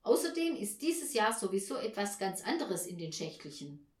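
A patient, firm mother from a storybook who scolds calmly and gently, as a woman reader puts her on. The voice moves a lot in pitch. The room has an echo. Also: normal speed, close to an everyday voice. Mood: exasperated.

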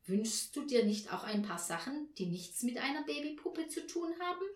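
A woman voicing a patient mother who asks calm, gentle questions. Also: sits high, normal speed, voice pushed up. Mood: curious. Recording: roomy echo.

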